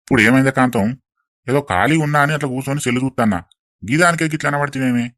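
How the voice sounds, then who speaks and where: Telangana guy in a comedy skit, talks fast, dry close sound, grumbling. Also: mid-range voice, fairly bright tone, dry recording. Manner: grumbling, defensive. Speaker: village comedy skit actor. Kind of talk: scripted village comedy.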